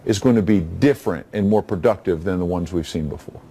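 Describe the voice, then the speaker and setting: Guy anchoring a cable news show, mellow voice, brisk and a bit wry. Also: low voice, husky. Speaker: TV news host.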